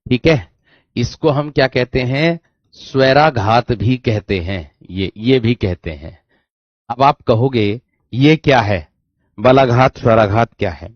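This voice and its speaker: A man teaching a Hindi grammar class online, repeating key phrases, slowing down to dictate and often checking whether students understood. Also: mid-range voice, no room sound. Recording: dry, dull lo-fi sound.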